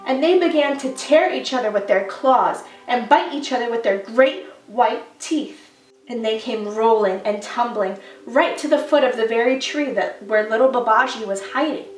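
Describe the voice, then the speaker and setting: High-voiced woman reading a children's story. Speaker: teacher. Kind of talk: storybook read-aloud for children. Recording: echoey room, distant mic, soft music.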